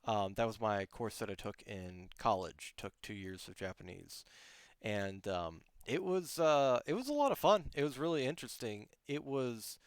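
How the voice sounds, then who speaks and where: A man from outside Germany hosts a live-streamed podcast interview, rambling casually with many restarts and frequent laughter. His lowish voice is smooth and animated at normal speed, in a studio-quality recording without echo.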